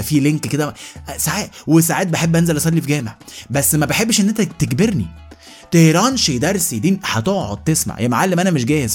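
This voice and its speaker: A man with an Egyptian Arabic accent delivering a comedic monologue as a podcast host, rapid and animated, often mimicking other people. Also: fairly high pitch, slightly rough.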